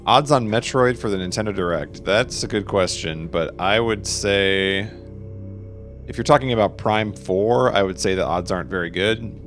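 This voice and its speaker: A man's voice: on the low side, moderate pace, a bit bright, soft background music. A man casually chatting with his viewers and answering their questions while he plays a game on a live stream. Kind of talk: live gameplay stream commentary.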